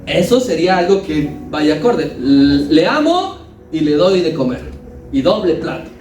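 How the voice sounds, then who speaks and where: A man's voice: fairly high pitch, very animated, measured pace, a little mellow, roomy sound, far from the mic, slight background noise, low-quality recording. A man preaching a sermon as pastor, building emphasis and acting out quotes.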